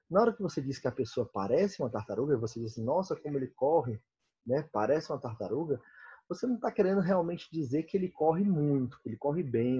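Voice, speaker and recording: A Brazilian Portuguese man teaches a grammar lesson and keeps asking his students if they follow. His voice is dark and a little husky. The recording is dry and dull. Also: a little high, no echo. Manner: checks in constantly, reads comic lines aloud.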